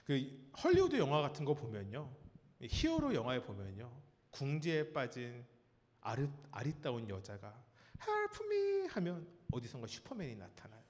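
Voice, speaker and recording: A man preaching a sermon as pastor, telling a story with lively acted-out cries and asking his congregation questions. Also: mid-range voice, moderate pace, big-room sound. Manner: animated storytelling, acts out cries and quotes. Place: church sanctuary.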